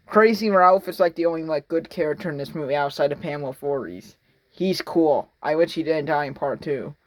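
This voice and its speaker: A man's voice: on the high side, a little fast, no echo. A young man giving casual, sarcastic commentary on a horror movie, rambling and mocking as he watches. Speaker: reaction video host.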